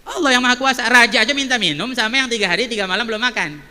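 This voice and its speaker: High bright man preaching in echoey hall. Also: very fast. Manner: animated, many rhetorical questions. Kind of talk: sermon with storytelling. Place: mosque hall.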